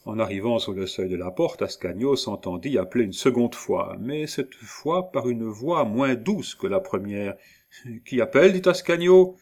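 Low-voiced man reading a novel aloud. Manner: steady, measured reading. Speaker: audiobook narrator. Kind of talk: scripted narration of a novel.

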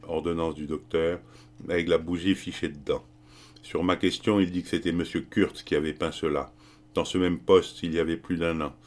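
A man reading a literary novel aloud as an audiobook narrator, in a measured, even storytelling manner. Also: low-pitched.

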